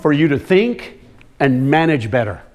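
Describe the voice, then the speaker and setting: Faint music plays behind a man lecturing farmers on soil health in a slightly high, sing-song, a little mellow voice at a somewhat slow pace. He addresses them directly and emphatically, repeating words, walking about and calling on people.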